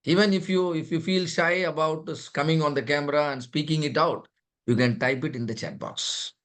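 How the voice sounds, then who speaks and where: A man's voice: a little high, steady tone, fairly quick, a bit bright. A man with an Indian accent leading an interactive online class, prodding participants and repeating points to drive them home. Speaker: trainer leading an online session. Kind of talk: interactive teaching, calling on participants.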